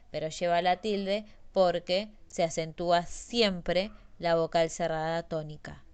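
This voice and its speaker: A woman teaching a Spanish grammar lesson, explaining slowly and carefully and stressing each example word. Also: fairly low pitch, clear, resonant tone.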